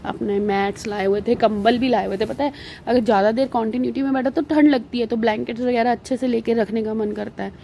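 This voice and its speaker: A woman with an Indian accent, a mother of young children, narrating her travel vlog in a relaxed, chatty way full of fillers. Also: on the high side, fast talker, vocal fry, slight background noise. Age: adult with young children. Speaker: vlogger.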